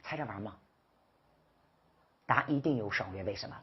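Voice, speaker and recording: A woman teaching an English exam-prep class, lively and rhetorical, firing questions at her students and coaxing them to read aloud. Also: a bass voice, a little fast, husky, dull audio. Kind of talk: classroom lecture.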